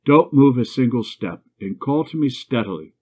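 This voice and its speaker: A man reading as a grave, courteous gentleman. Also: medium pitch, lively intonation, moderate pace, close to an everyday voice. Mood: firm. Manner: firm, courteous. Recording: dull lo-fi recording.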